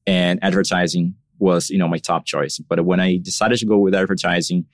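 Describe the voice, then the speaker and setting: A man's voice: low voice, fairly even intonation, a little fast, no room sound, clean studio sound. A man from Brazil, a guest on a podcast, talking casually and thoughtfully, with lots of "you know" and "like" in his answers. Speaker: podcast guest, marketing lead.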